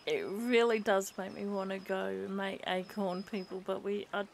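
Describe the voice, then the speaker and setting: A woman's voice: mid-range voice, steady tone, moderate pace, gravelly, a little hiss or hum. A woman with an Australian accent giving casual reaction commentary on a video, hesitant and full of fillers and restarts.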